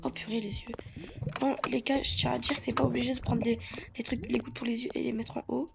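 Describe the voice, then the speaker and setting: A woman commentating her game in a chatty, hoarse voice, stammering and bursting into loud outrage at times. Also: fairly high pitch, little pitch movement, fairly quick. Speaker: gaming YouTuber. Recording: loud game music behind.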